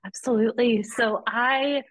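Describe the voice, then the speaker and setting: A woman's voice: on the high side, fairly even intonation, a little slow, no echo. Earnest woman guest, dry close sound. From Romania. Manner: earnest, warm storytelling with frequent restarts. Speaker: podcast guest, policy advocate. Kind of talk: conversational interview.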